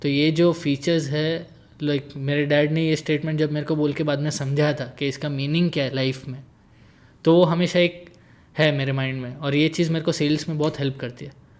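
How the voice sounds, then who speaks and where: A slightly high-pitched man in his late twenties speaks at a moderate pace with little pitch movement. He's a guest in a casual chat, easygoing and jokey, mixing English phrases into his Hindi.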